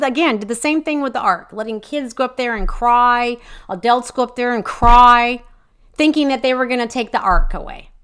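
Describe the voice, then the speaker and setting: A woman's voice: high voice, fairly bright tone. A woman hosting her own podcast, ranting indignantly about local politics in a rambling, profane way, full of fillers and restarts. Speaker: podcast host. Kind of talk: casual ranting commentary.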